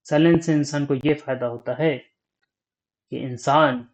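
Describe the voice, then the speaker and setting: A young man giving a casual talk on speaking, unhurried, thinking aloud and often checking in with the listener. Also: medium pitch, fairly even intonation, rough recording. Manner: frequent "ठीक है?" check-ins.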